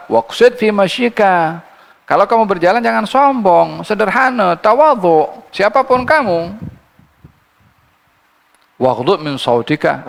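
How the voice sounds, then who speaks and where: Male religious teacher, gravelly, lecturing under long reverb. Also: sits high. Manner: recites Arabic verses slowly, then explains in a lively teaching voice. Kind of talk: Quran commentary lecture.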